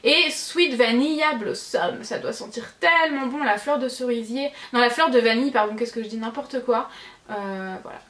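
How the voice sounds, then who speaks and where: High-pitched gushing woman vlogger. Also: brisk, a bit bright, roomy sound, a little hiss or hum. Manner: chatty, gushing, many fillers and self-corrections. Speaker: beauty vlogger. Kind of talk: casual product review.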